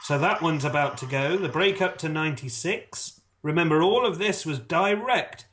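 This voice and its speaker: A man doing snooker commentary in a measured, shot-by-shot way, mixed with casual banter and dry, laddish humour. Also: fairly high pitch, animated, a bit bright.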